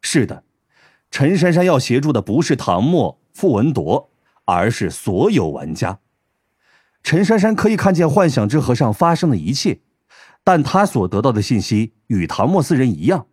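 A man narrating an audiobook in an expressive storytelling manner. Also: medium pitch, normal speed, breathy edge, no room sound, clean studio sound. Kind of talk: scripted narration.

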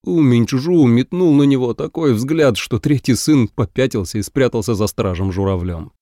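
A man reading an audiobook in measured, even scripted narration. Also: mid-range voice, no room sound, clean studio sound.

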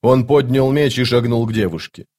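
A man narrating a fantasy audiobook in a measured, steady way. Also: medium pitch, husky.

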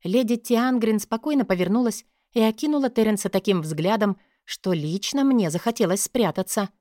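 A woman narrates a first-person fantasy story in an even, measured reading voice, her pitch in the middle range. The recording is close and dry, with no room sound. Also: no echo. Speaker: audiobook narrator.

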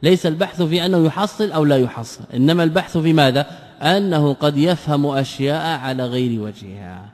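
Guy teaching a religious lesson, kinda high voice, keeps asking "what?" to the class and repeating himself, big echoey hall. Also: quick pace, darkish tone. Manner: poses rhetorical questions and repeats key phrases; explains word forms and grammar step by step. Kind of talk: classroom lecture on texts. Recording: long echo of a hall.

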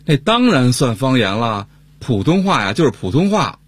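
一位男主持人用闲聊的方式说着广播段子，嗓音微哑。. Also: male voice, mid-range voice, big pitch swings, normal speed, husky, no room sound. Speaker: radio show co-host. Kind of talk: scripted casual chat with jokes.

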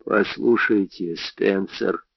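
A grim crime boss, rattled but menacing, speaking slowly, as a male reader puts him on. Low, dry and a bit dull in sound. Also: steady tone, gravelly, no echo. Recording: dry, slightly dull audio.

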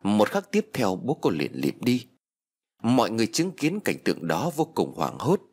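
Male narrator for a ghost story channel, low husky voice, wildly varied pitch. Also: moderate pace. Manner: expressive, emotional reading. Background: faint music.

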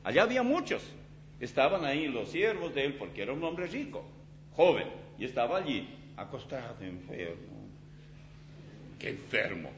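A man preaching a sermon as pastor in a church, in an animated, dramatic way with vivid illustrations. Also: medium pitch, moderate pace. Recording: slightly dull recording with faint hum.

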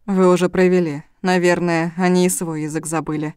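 A woman's voice: lowish voice, flat delivery, brisk, darkish tone, clean tone, no echo, studio quality, lightly acted. A woman voicing a ruthless male gang leader who speaks coldly and threateningly. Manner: cold, threatening.

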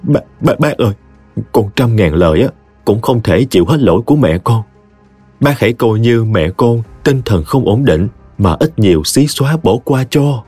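A man's voice: mid-range voice, expressive, normal speed, darkish tone, husky, no echo, faint music behind. A man voicing a tearful young woman pleading in a choked voice.

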